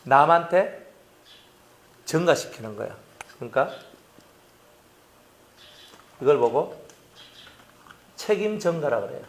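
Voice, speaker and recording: A man's voice: fairly high pitch, big pitch swings, slow, pauses often. A male pastor preaching a sermon, often acting out quoted voices and talking with his congregation. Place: church.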